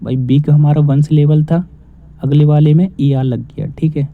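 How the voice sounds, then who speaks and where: A man's voice: fairly high pitch, fairly even intonation, moderate pace. A man teaching grammar, asking questions and then answering them himself. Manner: explains step by step, asks and answers own questions. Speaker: English teacher. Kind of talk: casual spoken lesson. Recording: tinny phone-like audio.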